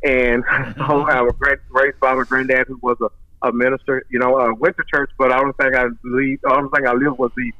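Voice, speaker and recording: A man's voice: mid-range voice, little pitch movement, a little fast, no echo, lo-fi sound. A man, a guest telling his story in an earnest, devout way and quoting scripture. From Texas. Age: 30s. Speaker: guest, rancher and maintenance manager. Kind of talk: casual interview storytelling.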